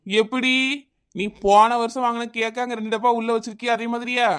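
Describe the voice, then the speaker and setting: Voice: mid-range voice, little pitch movement, brisk, fairly bright tone, clear, resonant tone, close to an everyday voice. Someone playing a blunt, sarcastic cartoon husband. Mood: grumpy. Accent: Kanyakumari Tamil. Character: grumpy office-going husband, adult man. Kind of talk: cartoon comedy dialogue.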